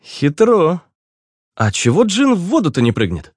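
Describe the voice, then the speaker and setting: A man's voice: a little high, wildly swooping pitch, unhurried, no room sound, voice pushed up, full character voice. A male narrator voicing a tired, sarcastic young man with a dry, sardonic way of speaking. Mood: wry. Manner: dry, sardonic, swears casually. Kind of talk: audiobook character voice.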